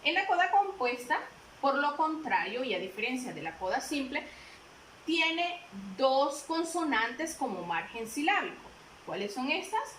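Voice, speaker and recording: In a classroom lesson, a female teacher patiently explains the material, repeating points and quizzing her listeners. She has a high, bright, sing-song voice and takes her time. The room sounds spacious, with faint background noise.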